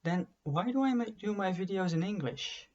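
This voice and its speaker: Speaking from his indoor bedroom study with bookshelves, this young adult vlogger from Belgium, a native Dutch speaker, gives a wry, self-mocking introduction to camera. His slightly high, darkish voice is expressive and moderately paced, captured through a desk webcam as muffled, dull lo-fi sound.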